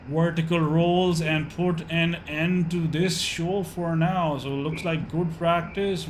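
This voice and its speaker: Male sim pilot doing airshow commentary, measured slow delivery, clipped running narration, noisy background. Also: on the high side. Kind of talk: live commentary while flying a flight simulator.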